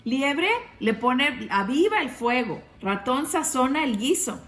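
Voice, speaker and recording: Lady reading a kids storybook, high voice, slow, echoey room with soft music behind. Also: lively intonation. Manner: gentle, addresses kids, shows pictures. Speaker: storybook reader. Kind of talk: reading a picture book aloud to children. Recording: roomy with faint music.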